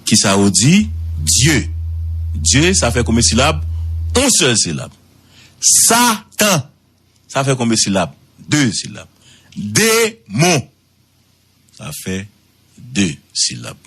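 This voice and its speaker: A man with a Haitian accent giving radio commentary, swooping high for emphasis and repeating words. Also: huge pitch swings, slow, long pauses, fairly bright tone, breathy edge.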